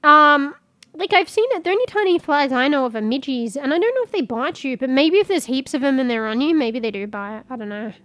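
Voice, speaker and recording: This streamer's voice sits high and sounds fairly bright, and she talks briskly and expressively. Congested and losing her voice, she rambles casually to her live-stream chat, cursing and reading search results aloud.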